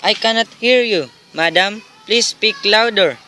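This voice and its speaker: A man's voice: high-pitched, unhurried, pushed and bright, a little hiss or hum. A man playing a detached, formal telephone operator in a radio play. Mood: impersonal. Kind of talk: dramatic radio play acting.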